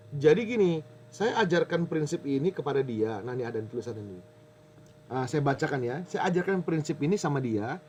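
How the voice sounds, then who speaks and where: A man preaching as a pastor in a lively sermon, bantering with the audience and reading a letter aloud. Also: medium pitch, a little hiss or hum.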